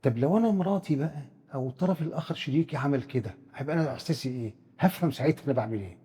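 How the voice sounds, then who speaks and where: A man's voice: medium pitch, lively intonation, racing, mellow, breathy edge, in a large hall. A man with an Egyptian Arabic accent, explaining psychological ideas through first-person examples and often restarting his words. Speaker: psychiatrist guest expert. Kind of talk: explanatory discussion.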